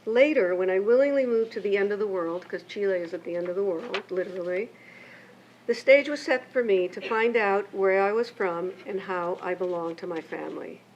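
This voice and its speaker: At a lecture event, an older woman raised between Mexico and the United States, a keynote speaker and memoirist, reads her prepared keynote from the page in a measured, reflective way. Her voice is mid-range, and the recording is muffled and lo-fi with a faint hiss.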